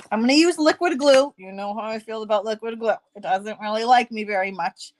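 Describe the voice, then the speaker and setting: Her voice is slightly high, somewhat hoarse, and nasal from a stuffy nose. She runs a casual card-making lesson in a talkative, self-mocking way.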